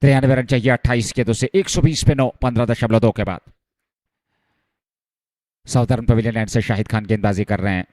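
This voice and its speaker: A male cricket commentator calls a match live, his delivery turning excited whenever the action picks up. His medium-pitched voice moves a little fast with long pauses, and the sound is close and dry with no echo.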